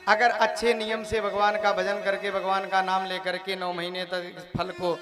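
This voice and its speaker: A male preacher telling a devotional story in a lively storytelling manner, now and then chanting verses. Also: high voice, moderate pace. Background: devotional music.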